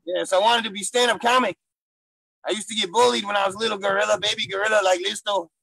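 A man doing a gravelly gorilla comic. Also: high voice, fairly even intonation, quick pace, no echo, heavily acted, rough recording. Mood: boastful. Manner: broken-English put-on accent, loud bursts. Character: gruff male gorilla stand-up comic, bragging and silly. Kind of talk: improvised comedy character interview.

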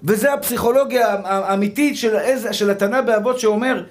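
A man giving a sermon as a rabbi, emphatic, repeating rhetorical questions and calling his listeners brother. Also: high voice. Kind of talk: sermon to a live audience.

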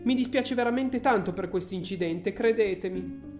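A woman's voice: mid-range voice, normal speed, over music, voice pushed up, close to an everyday voice. A woman voicing a fretful, eccentric male candy maker who sighs and apologizes. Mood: apologetic. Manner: sighing, apologetic, fussing.

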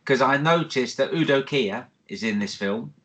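A man chats casually on a podcast as co-host. His voice sits at an everyday middle pitch. He makes his points with a talkative, digressing manner. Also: expressive, normal speed, fairly bright tone. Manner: chatty, "bear with me" aside-giver. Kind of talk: casual chat.

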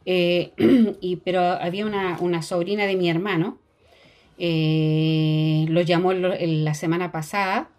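A woman's voice: fairly low pitch, fairly even intonation, measured pace, darkish tone. Woman telling a testimony. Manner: storytelling, hesitant with fillers. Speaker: radio co-host.

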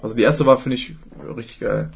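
A man's voice: medium pitch, fairly even intonation, a little fast, vocal fry. A young man hosting a podcast in casual, slangy chat, laughing often. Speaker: podcast host.

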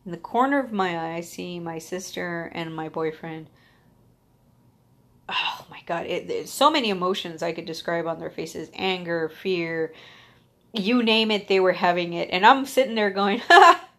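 A young adult woman candidly telling her own story, swearing freely, laughing at it, and acting out quoted lines with big jumps in pitch. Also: moderate pace, fairly bright tone. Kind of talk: personal storytelling monologue.

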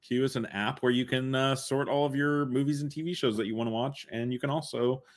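A man's voice: mid-range voice, fairly even intonation, brisk. A man co-hosting a casual podcast, talking in a laid-back, hesitant way with many fillers and dry humor. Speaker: podcast co-host covering comics. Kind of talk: casual chat.

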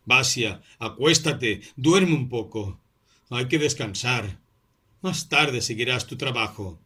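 A man's voice: medium pitch, expressive, takes it slowly, bright, forceful tone, breathy edge, heavily acted. A man doing a frantic, pleading young clerk. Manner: urgent, pleading. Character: distraught young male clerk, devoted friend.

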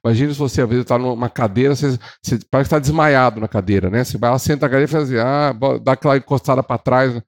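Animated Brazilian man giving sales advice. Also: medium pitch, racing, few pauses. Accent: Brazilian Portuguese. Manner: animated, shifts pace and acts out clients. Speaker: podcast co-host. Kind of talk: casual advice talk on sales.

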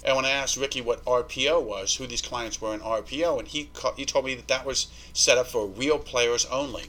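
On a low-quality recording, a man with a medium-pitched voice speaks fairly quickly. He's a guest on a podcast telling a story in loose, profane language, animatedly playing out each quoted line.

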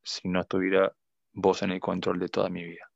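Young Argentine man, deep flat gravelly voice, earnest testimony, dull lo-fi audio. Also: a little fast, no echo. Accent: Argentine Spanish. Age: young adult. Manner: earnest, emotional, reflective. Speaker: guest. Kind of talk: heartfelt faith testimony.

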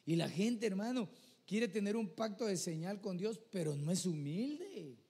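A man delivering a sermon in a notably high voice, earnest and conversational. He keeps turning to his listeners as brother and asking for their nod. His voice rings with the long reverb of a church hall. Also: expressive, a little slow, dark tone, breathy edge. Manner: addresses listeners as "hermano", keeps asking "¿verdad?"; earnest, conversational preaching with vivid examples. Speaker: preacher.

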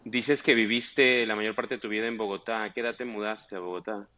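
A man's voice: on the low side, steady tone, brisk, pushed and bright, lo-fi sound, slight background noise. A man hosting a news podcast for immigrants, asking questions in a friendly way with short affirmations. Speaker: podcast host. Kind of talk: podcast interview and ad read.

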